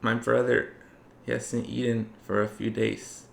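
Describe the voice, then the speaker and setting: A man voicing a timid, poor little girl in a small, soft, hesitant voice, in a tabletop game. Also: medium pitch, little pitch movement, a little slow, vocal fry, slight background noise. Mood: timid, sad. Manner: hushed, hesitant. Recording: roomy, echoing room.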